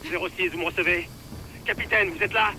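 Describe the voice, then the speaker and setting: A man's voice: high-pitched, fairly even intonation, a little fast, noisy background. A man voicing a male soldier in a video game dub, making urgent, clipped calls to all units over a military radio. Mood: tense. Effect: military radio transmission. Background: game music.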